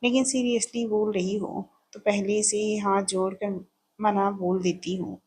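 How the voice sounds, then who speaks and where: A hot-tempered young working woman in a storybook, outspoken and talkative, never holding her tongue, as a woman narrator puts her on. Her voice is husky and a little breathy, at a middle pitch for a woman. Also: steady tone, darkish tone. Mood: teasing. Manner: chatty, quick-tempered, blunt.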